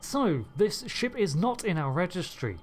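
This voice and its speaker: A man with a slightly high voice narrates a video game playthrough. He is conversational and drops in wry asides as he goes. Soft music runs underneath. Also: big pitch swings, a little slow. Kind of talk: narrated playthrough with light commentary. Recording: voice over background game music.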